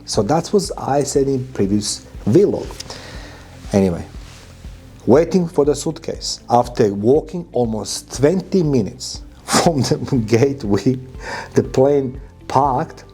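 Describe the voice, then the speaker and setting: In an informal travel vlog monologue to camera, a man in his fifties from Croatia recounts his trips with emphasis, his English non-native and Croatian-accented. He has a warm, slightly rough mid-range voice and speaks from a furnished room that resembles a hotel. He hosts both a vlog and a podcast.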